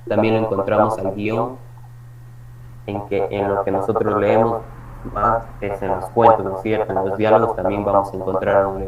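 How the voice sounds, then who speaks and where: Low, flat-voiced male teacher. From Ecuador. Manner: explanatory, slows for examples, frequent restarts. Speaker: reading workshop teacher. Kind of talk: classroom lesson on punctuation. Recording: echoey room, distant mic, dull sound, crowd.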